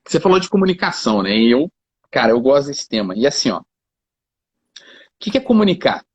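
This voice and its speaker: A man's voice: mid-range voice, big pitch swings, brisk, husky, dry recording. A man, a lawyer talking in a casual conversation, explaining his points with everyday examples and lots of fillers. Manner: talkative, explains with examples, fillers like 'cara' and 'né'. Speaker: lawyer, guest. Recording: dull lo-fi sound.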